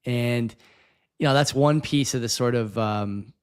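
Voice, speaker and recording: A man's voice: medium pitch, measured pace, clear, resonant tone. A man co-hosting a podcast, talking casually and reflectively, laughing often. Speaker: podcast co-host.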